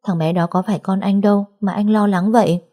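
A woman voicing a coy, scheming young woman in a story, speaking in a soft, cooing, sugary way. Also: mid-range voice, fairly even intonation, fairly quick, voice pushed up, lightly acted. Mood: sweetly menacing. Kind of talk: audiobook character reading.

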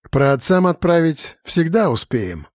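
A man's voice: mid-range voice, animated, normal speed, a little mellow, dry recording, studio quality, natural voice. A man voicing a cheerful, easygoing male mage who speaks with amusement in an audiobook. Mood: amused. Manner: jovial, amused. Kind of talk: audiobook character voice.

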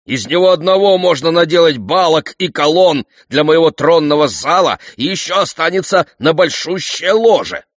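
A man voicing an arrogant, reckless king who shouts orders in a domineering way, in an audiobook. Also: medium pitch, expressive, normal speed, no room sound, highs cut off, close to an everyday voice. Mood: commanding. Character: arrogant, reckless male king, loud and bossy.

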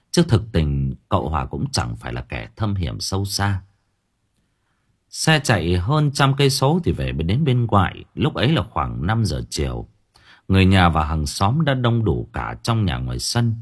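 Male audiobook narrator, low and husky, lively intonation across a spooky story. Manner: expressive, measured storytelling. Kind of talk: first-person horror story narration.

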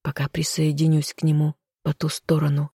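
A woman voicing a kind old grandmother with a creaky voice, spoken as a soft whisper in an audiobook reading. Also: sits low, monotone, normal speed, no room sound, clean studio sound, full character voice. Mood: tender.

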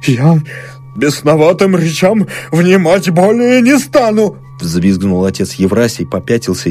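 Low, husky man narrating dramatically. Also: no echo. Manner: expressive, dramatic. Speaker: audiobook narrator. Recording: close dry recording, soft music underneath.

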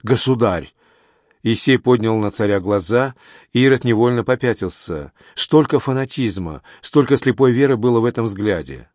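A medium-pitched man narrates an audiobook in a steady, measured storytelling manner. The recording is studio quality with no room sound.

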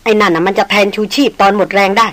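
A woman voicing a calm male jungle hunter who answers anger with dry, mocking ease. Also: medium pitch, very fast, natural voice, poor audio. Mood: dry teasing. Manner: dry and unbothered, mildly mocking.

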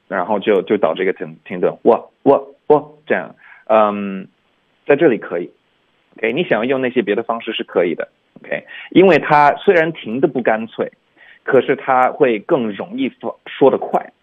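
Man, pronunciation teacher, low voice, husky, tinny phone-line sound. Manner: relaxed, repeats example phrases, many "OK" and "嗯". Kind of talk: explaining pronunciation in a radio lesson. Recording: phone-like narrow band sound.

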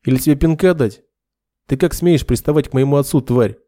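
A man's voice: fairly high pitch, a little fast, dark tone, no room sound, studio quality, natural voice. A man doing a haughty young lieutenant. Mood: furious. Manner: hissing, haughty. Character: arrogant young noble lieutenant, hot-headed.

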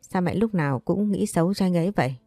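A woman's voice: on the low side, fast talker, dark tone, dry recording, clean studio sound, soft background music, natural voice. Woman reading as a tired, tipsy young man. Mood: weary.

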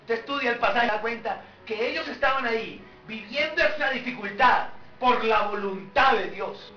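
A man's voice: very high-pitched, normal speed, pushed and bright. A man preaching a sermon, telling the story with animation and throwing rhetorical questions at the congregation. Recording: echoey hall, distant mic, dull lo-fi.

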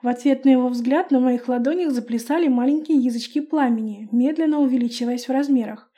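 A woman narrating a first-person fantasy audiobook with a lively, expressive reading. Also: sits high, fairly quick.

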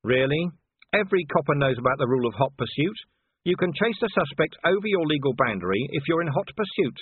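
A man's voice: on the high side, very animated, fast, slightly rough, no echo, voice pushed up. A man voicing a stern, officious middle-aged male watch captain in an audiobook reading. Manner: officious, territorial. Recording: tinny phone-like audio.

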